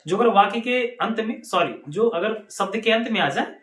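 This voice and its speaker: Lively Indian teacher, echoey room. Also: male voice, high voice, normal speed. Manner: lively, asks the class questions and answers them himself. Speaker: English teacher. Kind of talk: classroom lesson.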